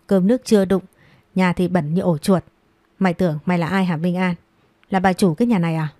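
A woman's voice: on the low side, fairly even intonation, a little fast, dark tone, no room sound, close to an everyday voice. A woman voicing a cruel, scornful middle-aged stepmother who scolds harshly and taunts with contempt. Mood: scornful scolding.

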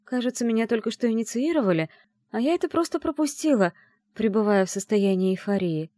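A woman reading a first-person novel aloud in an expressive, emotional way. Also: on the high side, brisk, dry recording, studio quality. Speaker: audiobook narrator.

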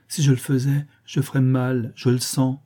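A man reading aloud, voicing a gentle, tearful young orphan girl who stays firm in her convictions, in a husky voice. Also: medium pitch, flat delivery, normal speed, lightly acted. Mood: earnest.

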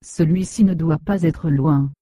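A woman narrating a children's storybook in a steady, measured reading. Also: sits low, no echo.

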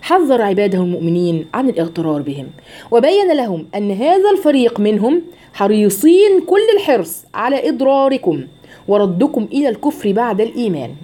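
A woman with an Egyptian Arabic accent teaching Quran recitation rules, drawing out syllables slowly as drills and asking and answering her own questions. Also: medium pitch, big pitch swings, mellow.

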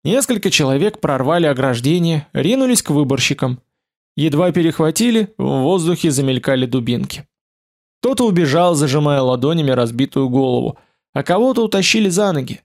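A man reading an adventure novel aloud as an audiobook narrator, telling the story in a steady, vivid way. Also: on the high side, a little fast.

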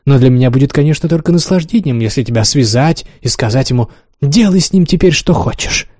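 A man's voice: medium pitch, animated, a little fast, darkish tone, dry recording, studio quality, natural voice. A man voicing an imperious, cruel young noblewoman who mocks and commands coldly in an audiobook reading. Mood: threatening. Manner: taunting, haughty, coolly commanding.

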